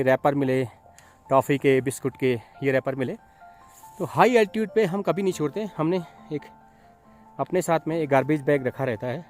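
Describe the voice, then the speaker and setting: Outdoor trek vlogger, young man, high voice, guiding tone, filmed on a handheld camera. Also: a little mellow. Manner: guiding, pointing things out to viewers. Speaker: trekking vlogger. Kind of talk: outdoor trek vlog narration. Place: outdoors on a high mountain ridge.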